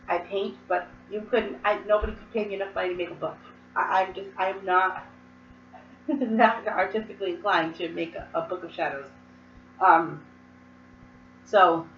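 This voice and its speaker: A woman's voice: medium pitch, fairly bright tone, a little hiss or hum. A woman with a cold explaining a hobby practice in a casual, rambling way with many fillers and asides. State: hoarse from a cold, occasional coughs. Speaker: host. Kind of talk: casual instructional talk. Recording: roomy, distant, dull mic.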